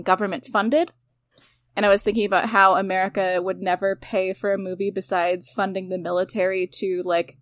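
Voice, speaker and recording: A woman's voice: medium pitch, fairly bright tone, no room sound, studio quality. A woman hosting a podcast in casual chat, talking in a chatty, self-deprecating way with many fillers. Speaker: podcast host.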